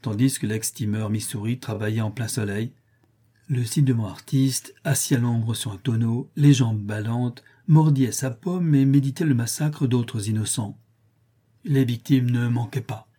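A man narrating a classic novel as an audiobook with a steady storytelling delivery. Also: mid-range voice, normal speed, husky.

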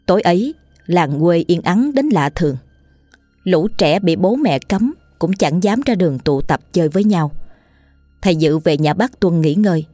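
A woman narrating a ghost story in a steady, suspenseful scripted style. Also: on the low side, normal speed, no echo, soft background music.

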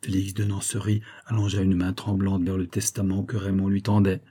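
A man reading a classic novel aloud as an audiobook narrator, in a measured, even storytelling manner. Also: low voice, slightly rough. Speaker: audiobook reader.

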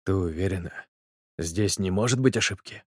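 An icy male reaper with a very low, quiet voice, as a narrator puts him on. Cold and stern, recorded dry and close. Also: moderate pace, slightly rough, dry recording.

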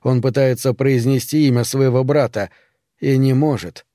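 A man reads a story aloud in a measured, grave way, like a practised audiobook narrator. His voice is dark and mellow, recorded dry and close with no room sound. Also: mid-range voice, steady tone, no room sound. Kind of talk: scripted narration.

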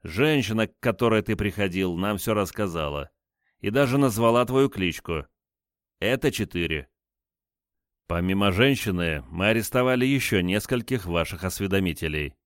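A man voicing a stern male wartime interrogator, speaking in a cold, threatening, deliberate way. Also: on the low side, animated, no room sound, clean studio sound, natural voice. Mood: menacing.

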